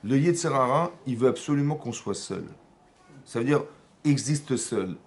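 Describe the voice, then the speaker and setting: Un rabbin français qui enseigne avec entrain. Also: male voice, mid-range voice, measured pace. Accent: French. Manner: animated, acts out dialogues, asks the audience questions. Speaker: rabbi teaching a class. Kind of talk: lively religious lesson. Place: synagogue class room.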